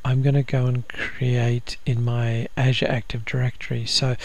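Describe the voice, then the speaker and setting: A man giving a screen-recorded software tutorial, explaining each step methodically with frequent ums and uhs. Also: mid-range voice, flat delivery, normal speed. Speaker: software instructor.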